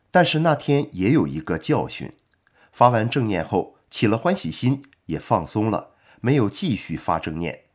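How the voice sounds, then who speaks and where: A man calmly reading a written article aloud, in steady scripted narration. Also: on the low side, slightly rough. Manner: calm, measured reading.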